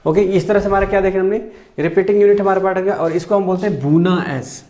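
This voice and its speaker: A man from India lectures on chemistry in a recorded class, with a somewhat high but mellow voice. He works through each step, asks his own questions and answers them. The sound is roomy and echoey. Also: fairly even intonation. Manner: slows down and spells out formulas while writing. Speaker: chemistry teacher.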